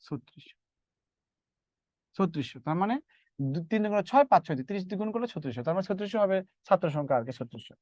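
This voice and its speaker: A man's voice: sits high, lively intonation, racing, long pauses, darkish tone, no echo. A man teaching math in a live online lecture, repeating steps and quizzing his students as he works through sums.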